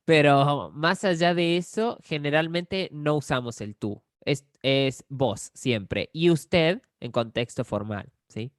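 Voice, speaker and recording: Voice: medium pitch, slow pace, few pauses, no room sound, clean studio sound. A speaker from Córdoba in Argentina with a Cordoba Argentine accent, patiently explaining Spanish grammar with examples and often checking in with the listener. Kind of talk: explanatory conversation.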